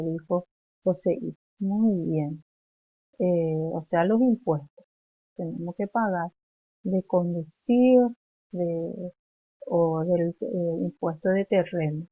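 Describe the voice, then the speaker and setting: A woman teaching young children, slowly saying words and phrases for them to repeat back. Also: medium pitch, no room sound, lo-fi sound. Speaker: preschool teacher. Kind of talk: remote language lesson for young children.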